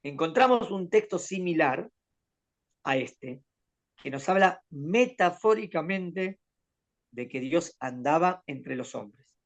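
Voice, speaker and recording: Man, rabbi, gravelly creaky voice, slightly high, patient conversational teaching. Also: lively intonation, slow, lo-fi sound. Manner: explains patiently, poses questions to the student. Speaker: rabbi teaching a Torah class. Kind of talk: conversational Torah lesson with a student.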